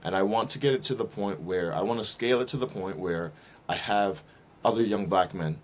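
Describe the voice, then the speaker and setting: A man, a minister and detailing business owner, speaking as a guest in a casual interview, thoughtful and filling pauses with um and uh. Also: lowish voice, slight background noise. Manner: thoughtful, many fillers and restarts.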